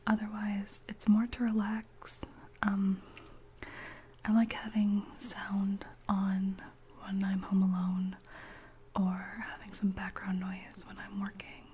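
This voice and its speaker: A woman whispering gently as an ASMR channel host, chatting slowly with many soft pauses. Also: mid-range voice, completely flat delivery, slight background noise.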